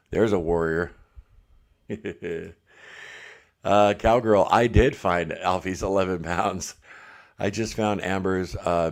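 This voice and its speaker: A middle-aged man's low-sitting voice, marked by vocal fry, carries his casual livestream as he chats and reads comments. A little congested, with one ear blocked, he remains easygoing and chatty and laughs a lot.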